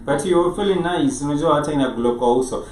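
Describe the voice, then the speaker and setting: A man with a Kenyan accent hosting a live show, speaking in a halting way and often rephrasing himself. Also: on the high side, a little mellow. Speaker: show host. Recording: echoey, noisy room, distant mic.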